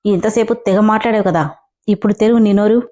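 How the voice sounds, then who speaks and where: A man's voice: high voice, steady tone, fast talker, darkish tone, close to an everyday voice. A woman doing an arrogant young male boss, commanding and taunting.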